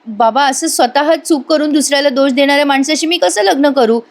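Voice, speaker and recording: A woman's voice: high-pitched, brisk, voice pushed up. A woman voicing an upset young woman who argues with her father, in a retold TV serial. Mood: pleading. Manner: pleading, indignant.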